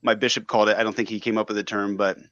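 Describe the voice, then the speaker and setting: A man's voice: fairly low pitch, level tone, racing, fairly bright tone, no echo, lo-fi sound. A man in a casual podcast discussion. He talks in a thoughtful, hedging way and fills his speech with "like.".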